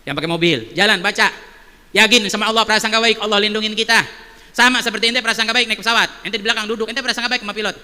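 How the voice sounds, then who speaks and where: High bright man preaching in echoey hall. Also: fast, clean tone. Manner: animated, many rhetorical questions. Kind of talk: sermon with storytelling. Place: mosque hall.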